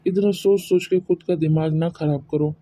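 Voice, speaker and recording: Easygoing father-in-law in a cartoon, a man doing the voice, mellow and soothing. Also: fairly high pitch, fairly even intonation, moderate pace, natural voice. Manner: soothing, reasoning. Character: calm middle-aged father-in-law. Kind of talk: cartoon story voice acting.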